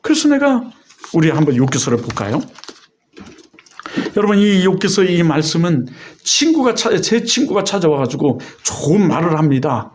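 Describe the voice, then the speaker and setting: A man's voice: very animated, normal speed, a little hiss or hum. A man pastor preaching a sermon, telling a personal story with emotion and exhorting his congregation. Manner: emotional storytelling with vivid retold dialogue; exhorting and rising in pitch on key points.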